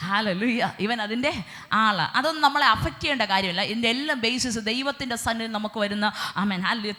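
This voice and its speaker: A woman's voice: a little high, pushed and bright. A woman with a Malayali accent preaching a sermon, dropping hallelujahs and English fillers, asking the congregation questions and answering them.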